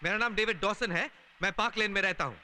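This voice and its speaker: A man's voice: high-pitched, fast, natural voice. A man playing a frantic pleading young man. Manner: switches between Hindi and English, pleading. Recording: noisy film soundtrack.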